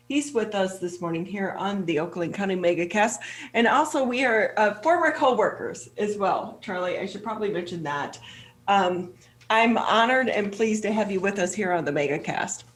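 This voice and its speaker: An upbeat woman hosts a talk show from her home studio, chatting quickly and warmly with her guest. Her voice sits at an ordinary middle pitch. A noticeable room echo hangs around every word. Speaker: host. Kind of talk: casual interview hosting.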